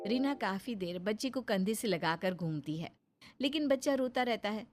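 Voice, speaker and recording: A woman reading out a scripted family story in a plain, even telling voice. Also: medium pitch, normal speed, music in the background.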